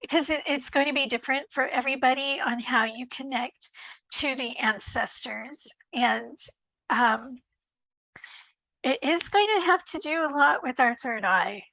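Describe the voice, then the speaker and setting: A woman giving a casual tarot card reading, speaking in a searching way with frequent pauses and restarts. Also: high voice, creaky, bright, forceful tone, no echo, poor audio. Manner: slow and searching, many ums and restarts. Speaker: tarot reader.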